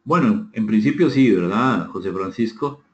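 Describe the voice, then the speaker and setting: A man from Costa Rica leads an online seminar indoors, his lowish, darkish voice lively in intonation at normal speed and marked by a Costa Rican accent. He reads and answers chat comments, repeating phrases and courteously inviting participation. Echo from the room and muffled, dull audio color the recording.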